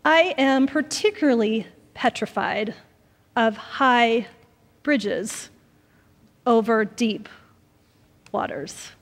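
Woman pastor, sermon, unhurried and soft at line ends; church reverb. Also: fairly high pitch. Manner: measured, trailing off softly at phrase ends. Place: church sanctuary. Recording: long reverb of a church sanctuary.

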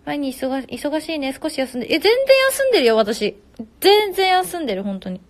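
Streaming casually from home on her phone, a woman in her twenties reads out viewer comments and responds fast. She has a high, very animated voice.

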